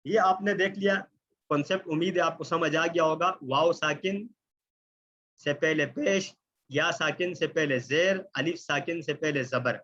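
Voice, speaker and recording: A man teaching an online recitation lesson, explaining patiently, checking in often and drawing out example words slowly. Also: a little high, fairly bright tone, muffled recording. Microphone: computer mic on a video call.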